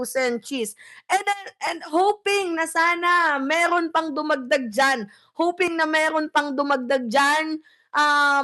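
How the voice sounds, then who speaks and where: A woman's voice: high voice, pushed and bright. A woman giving heated political commentary, emphatic and scolding, mixing English phrases into her talk.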